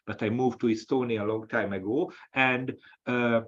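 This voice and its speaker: A man from Hungary with a Hungarian accent, an associate professor giving a lecture-style webinar talk, speaking haltingly with many restarts over a video call. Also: medium pitch, fairly even intonation, fairly bright tone. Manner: halting, with frequent restarts and fillers. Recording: dull, lo-fi audio.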